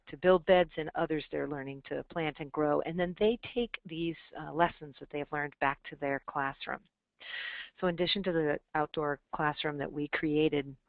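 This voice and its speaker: A woman's voice: low voice, no echo. A woman calling in over the phone to a webinar as a panelist, explaining her food bank's programs step by step. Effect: heard over a phone line. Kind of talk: webinar presentation. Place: calling in remotely. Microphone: telephone. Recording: tinny dry phone line.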